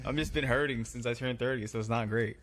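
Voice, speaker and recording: A man in his thirties, a professional fighter appearing as a podcast guest, chats casually in short, matter-of-fact phrases. His medium-pitched voice is steady, quick and a bit bright, with slight background noise.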